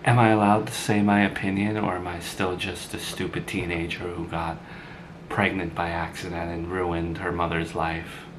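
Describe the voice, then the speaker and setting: A man's voice: sits low, level tone, normal speed, noisy background. A man voicing a blunt, sarcastic grown woman who had a child young, in an amateur drama. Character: blunt sarcastic mother, grown woman, once a teen mom.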